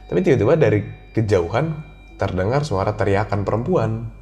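A man's voice: fairly low pitch, a little fast, soft background music. A young man with a Jakarta accent, animatedly telling a childhood ghost story in a casual podcast chat. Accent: Jakarta slang. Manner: animated storytelling, acts out his own childhood voice. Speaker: guest storyteller.

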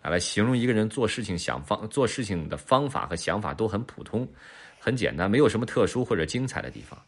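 A man's voice: on the low side, animated, quick pace, slightly rough. A man, a father, telling an idiom story to his children and explaining it in a playful, teasing way.

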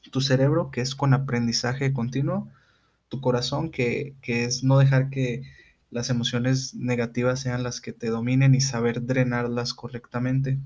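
A man with a Mexican accent delivers motivational life advice point by point. He is direct and exhorting, addressing the listener personally with blunt, slangy imperatives. His voice sits at a middle pitch. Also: darkish tone. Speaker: motivational speaker.

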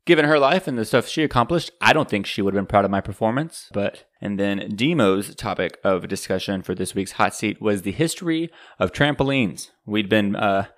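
A man's voice: on the low side, fairly quick, few pauses. A young man co-hosting a casual trivia podcast, teasing and joking as he reads out questions. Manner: joking, quizzing, laughs often. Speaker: co-host.

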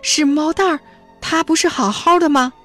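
Woman putting on a hoarse old village granny, high and pleading, a bit far off. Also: sing-song, measured pace, soft background music, heavily acted. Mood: anxious. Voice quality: hoarse, wailing, insistent. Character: frail grieving old village grandmother.

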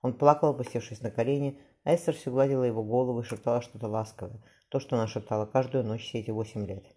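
A man narrating an audiobook quickly, with occasional restarts. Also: mid-range voice, steady tone, a little mellow. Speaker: audiobook reader.

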